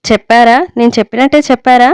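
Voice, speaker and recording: A woman's voice: on the high side, fairly even intonation, fast talker, darkish tone, clear, resonant tone, no echo, close to an everyday voice. Woman reading as an insistent worried mother. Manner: scolding, insistent. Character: worried middle-aged mother, strong-willed. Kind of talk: storybook reading.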